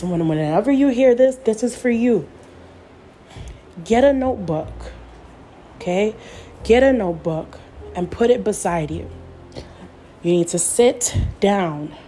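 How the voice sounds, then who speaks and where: A woman's voice: a little high, animated, measured pace, long pauses, mellow, a little hiss or hum. A young adult woman giving an earnest personal testimony as a spiritual speaker, repeating phrases for emphasis.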